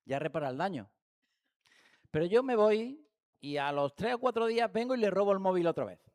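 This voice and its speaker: A man's voice: high-pitched, expressive, a little fast, darkish tone. A man with a Spanish accent from Spain giving a church Bible study lesson, asking rhetorical questions and acting out everyday examples. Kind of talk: church teaching talk. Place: church hall.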